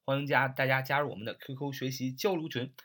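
A man's voice: medium pitch, steady tone, fast talker, a bit bright. A man teaching English vocabulary in a recorded lesson, repeating each word several times, spelling it letter by letter and using many filler particles.

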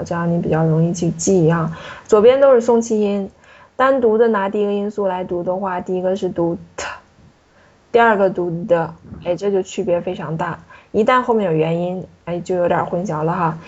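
A woman teacher explaining a pronunciation lesson, repeating points and ending phrases with soft particles. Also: lowish voice, fairly quick. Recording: muffled lo-fi recording.

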